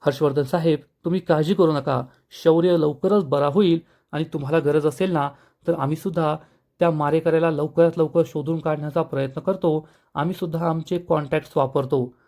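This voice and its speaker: A man voicing a sly male politician who smoothly reassures a powerful lawyer. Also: a little high, fairly even intonation, fairly quick, mellow, lightly acted. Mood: placating. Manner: placating, reassuring.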